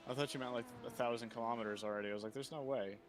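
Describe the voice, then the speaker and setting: A man chatting casually while sim racing, rambling and joking in a flat monotone way. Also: mid-range voice, racing. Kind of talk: casual chat over voice comms.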